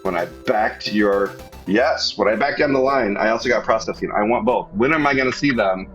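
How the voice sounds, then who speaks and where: A man's voice: on the low side, normal speed, a bit bright, faint music behind, rough recording. A male guest chatting on a livestream, enthusiastic and encouraging. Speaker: guest, indie game publisher. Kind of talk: casual chat.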